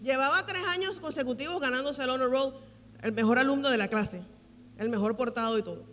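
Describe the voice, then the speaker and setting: Female pastor preaching with emphatic repetition; tense, bright delivery in an echoing church hall. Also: high voice, fairly quick, slight background noise. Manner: emphatic, repeats key phrases for weight. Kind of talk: sermon at a women's conference. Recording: reverberant hall with faint music.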